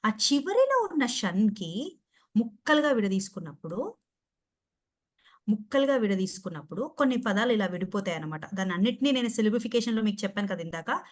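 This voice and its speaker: A woman's voice: medium pitch, sing-song, a little fast. A woman with a Telugu accent teaching pronunciation in an online class over a video call, playful and teasing as she quizzes her students. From Andhra Pradesh or Telangana, India. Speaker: English pronunciation trainer.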